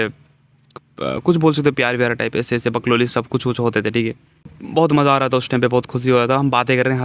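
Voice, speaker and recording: A man's voice: medium pitch, smooth, no echo. A young man casually recounting a personal story in a storytime vlog, rambling with lots of fillers. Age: young adult. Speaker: vlogger.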